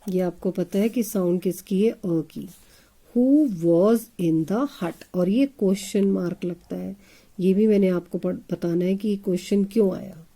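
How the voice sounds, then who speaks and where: A woman's voice: lowish voice, steady tone, normal speed, gravelly, mellow. A woman teaching English phonics to children, spelling words letter by letter and sounding them out. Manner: addresses pupils as children, asking questions. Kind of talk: slow phonics lesson for children.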